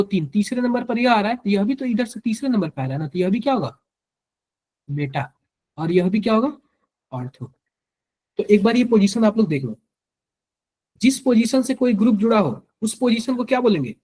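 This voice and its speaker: High-voiced Hindi-accented chemistry teacher drilling a class. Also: male voice, expressive, a little fast, long pauses, a little mellow. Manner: keeps quizzing students with repeated questions; repeats each answer to drill it in. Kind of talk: live classroom lecture.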